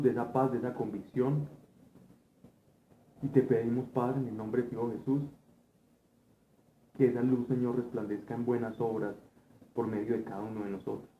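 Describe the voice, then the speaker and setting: A man leading a Bible class and praying aloud in a steady, devotional cadence. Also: fairly low pitch. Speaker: Bible study teacher. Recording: echoey, dull room recording with clear noise.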